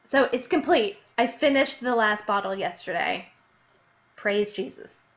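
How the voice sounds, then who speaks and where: A woman's voice: medium pitch, measured pace. A young woman hosting a podcast, chatting casually and giggling as she reads from her childhood diary. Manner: giggly, animated, laughs often between readings. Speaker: podcast host. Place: lives in New Jersey, grew up in Illinois. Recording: dull lo-fi podcast audio.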